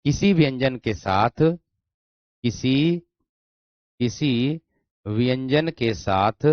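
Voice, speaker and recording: A man's voice: medium pitch, expressive, extremely slow, no echo. Emphatic male teacher, dry and dull-sounding. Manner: repetitive, emphatic, calls students "my friend". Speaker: exam-prep teacher. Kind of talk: online Hindi grammar lesson.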